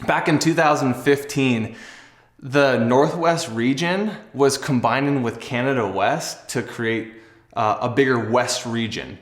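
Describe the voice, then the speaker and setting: A young adult man, an athlete and video host, tells a personal story casually to camera. He is earnest, conversational and reflective, and his medium-pitched voice sounds echoey in the room.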